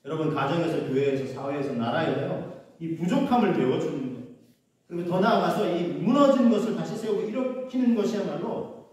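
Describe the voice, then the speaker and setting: A man's voice: a little high, animated, brisk, darkish tone. Man, pastor, preaching, rhetorical questions, long church reverb. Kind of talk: sermon. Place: church sanctuary. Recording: echoey church hall, mic from a distance.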